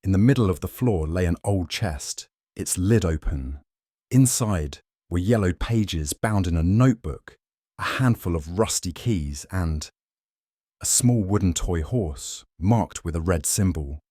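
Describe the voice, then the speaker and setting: A man narrating a suspense story in a measured, ominous scripted style. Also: low voice, lively intonation, warm tone, dry recording, clean studio sound.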